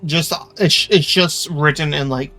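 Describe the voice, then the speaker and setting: A man's voice: a little high, fairly even intonation, a little slow, bright, forceful tone, soft background music. A man running a tabletop game as game master, heard through a glitching voice call that makes him sound robotic and warbly. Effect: robotic, warbling voice-call audio dropping out.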